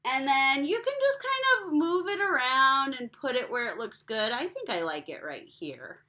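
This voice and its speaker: A woman's voice: high voice, big pitch swings, normal speed, pushed and bright. A young woman giving cheerful step-by-step craft instructions to children. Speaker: teacher.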